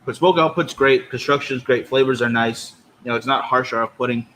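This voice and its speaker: A man's voice: mid-range voice, brisk, fairly bright tone, rough recording. Man chatting casually over noticeable background noise. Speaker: podcast co-host. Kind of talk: casual cigar review chat.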